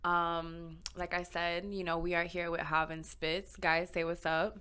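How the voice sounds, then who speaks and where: A woman's voice: lowish voice, completely flat delivery, measured pace, bright, forceful tone, smooth. A young woman hosting a casual podcast, bubbly and laughing often between her sentences. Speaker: podcast host.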